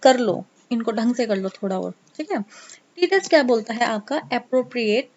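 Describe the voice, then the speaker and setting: A woman's voice: on the high side, big pitch swings, normal speed, darkish tone, a little hiss or hum. Chatty woman teacher, dull lo-fi sound. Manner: chatty, coaxing, teasing students; mixes English terms into Hindi. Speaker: exam prep teacher. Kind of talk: casual Hindi lecture.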